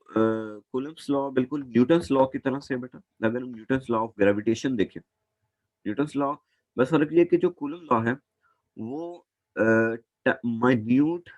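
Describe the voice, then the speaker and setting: A man's voice: mid-range voice, no echo. A man teaching a physics lesson as a classroom lecture, patient and repeating points, calling his students "beta".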